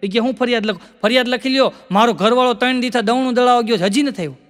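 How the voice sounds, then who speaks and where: A high-pitched, bright Gujarati man spins folksy comic tales on stage. He voices both sides of every joke and repeats lines for effect. A long reverb hangs behind his voice. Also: very fast. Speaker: stand-up comic.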